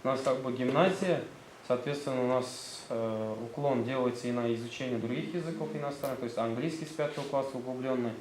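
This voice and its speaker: In a roomy space with faint noise behind him, a man with a Tatar accent, the director of a gymnasium, introduces the school to visiting officials. He speaks a little fast in a medium pitch, halting and using many fillers.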